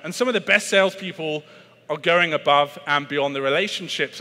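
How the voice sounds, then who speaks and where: Long reverb follows the words of a British man, from Britain and speaking British English, as he delivers a conference keynote about sales. His voice is bright, forceful and pitched a little high, and he stays chatty and self-mocking while stumbling over fillers and false starts.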